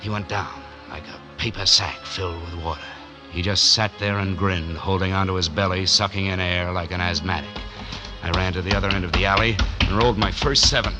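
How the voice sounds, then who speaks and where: In a muffled vintage 1940s radio recording with music underneath, an actor voices a broke, hunted man narrating his own story in terse, slangy noir style. His low voice moves fairly quickly and sounds natural, with a tense, weary mood.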